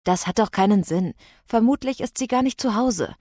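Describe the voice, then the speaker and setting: A woman reading an audiobook, voicing a calm, practical grown man who talks in a level-headed, placating way. She speaks into a close studio microphone. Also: medium pitch, normal speed, no room sound, voice pushed up, close to an everyday voice.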